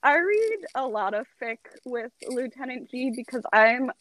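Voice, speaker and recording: Woman, high voice, swoops all over, excitable, swears, dry close mic. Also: unhurried, low-quality recording. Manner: excitable, swears, mock outrage. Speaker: podcast co-host. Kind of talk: casual chat and reading aloud.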